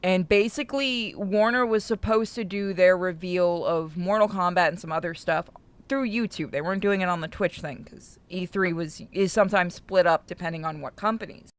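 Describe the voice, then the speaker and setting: During a co-hosted playthrough, a streamer speaks in a clear, resonant mid-range voice at a moderate pace. They read a visual novel aloud over the game music, chatting casually and swearing freely.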